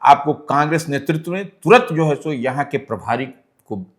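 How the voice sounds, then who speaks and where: A man's voice: on the high side, animated, moderate pace, a bit bright. A man analysing politics on a news discussion, explaining at length and emphatically. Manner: explanatory, emphatic, asks listener to decode.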